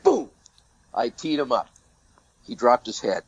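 A man's voice: medium pitch, very animated, unhurried, slightly rough, lo-fi sound. An older man, a retired hockey referee, telling a story as a guest in an interview and acting out the exchanges.

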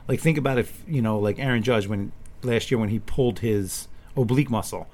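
A man co-hosting a fitness podcast, casually chiming in with quick affirmations and examples. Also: on the low side, a little mellow, slight background noise. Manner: agreeable, frequent short affirmations, jumps in. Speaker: podcast co-host, trainer.

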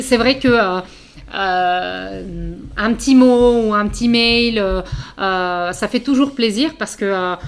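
A woman interviewing a colleague in a chatty way, with frequent fillers. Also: mid-range voice. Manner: friendly, chatty, with many fillers. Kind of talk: casual interview.

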